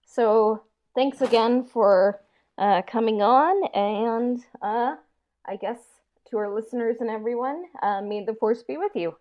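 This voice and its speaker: A woman co-hosting a podcast talks casually and hesitantly, peppering her speech with "like" and "you know." Her voice is fairly high and unhurried, and the audio sounds dull.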